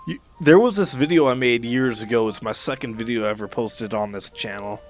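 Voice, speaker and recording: A Western Canadian man with a Canadian accent hosts a gaming video, rambling casually over noisy game battle sounds and gunfire, with faint music behind. His mid-range voice moves a little fast.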